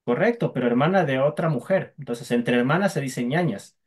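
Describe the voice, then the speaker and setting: A man's voice: mid-range voice, animated, brisk, slightly rough. A man teaching a language class online, patiently drilling sounds for students to repeat.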